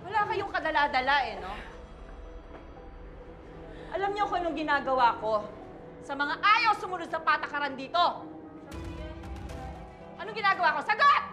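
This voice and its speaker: A woman's voice: sits high, lively intonation, normal speed, long pauses, crowd noise. An actress playing a stern, threatening female prison warden in a TV melodrama, with a Filipino accent. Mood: scolding. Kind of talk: TV melodrama acting. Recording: music behind dialogue.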